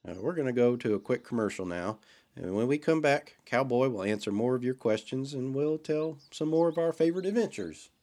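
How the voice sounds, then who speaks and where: A man's voice: medium pitch, lively intonation, brisk, darkish tone, natural voice. A man playing a brash, wisecracking male hero sidekick who hosts a podcast, talking in a folksy, teasing, swaggering way. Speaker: podcast host.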